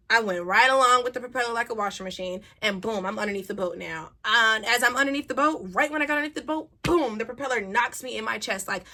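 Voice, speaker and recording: A young woman casually telling a personal story to her viewers, animated and chatty, laughing now and then. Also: fairly high pitch. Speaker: vlogger.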